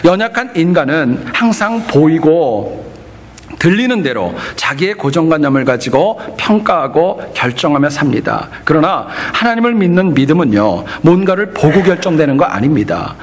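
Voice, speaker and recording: Lively, high-voiced male pastor preaching. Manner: earnest teaching with humorous asides. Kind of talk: sermon. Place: church.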